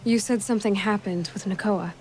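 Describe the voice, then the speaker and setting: A woman's voice: medium pitch, steady tone, a little fast, faint music behind, lightly acted. An actress playing a determined young woman warrior who speaks directly and skeptically.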